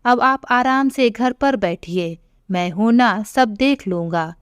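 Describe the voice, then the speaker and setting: A woman's voice: fairly high pitch, slow, smooth, no echo, clean studio sound. A woman voicing a grown son who brushes off his mother with falsely soothing words in an audio story. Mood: dismissive. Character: grown son, dismissive and patronizing.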